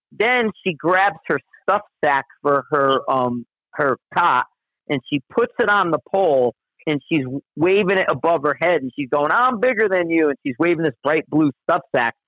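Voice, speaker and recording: A man with a slightly raised pitch tells a rambling, profane anecdote in loose conversational style, often restarting his sentences. The recording is dull and dry, with no room sound. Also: moderate pace, fairly bright tone, dry recording. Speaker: guest storyteller. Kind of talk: casual spoken anecdote.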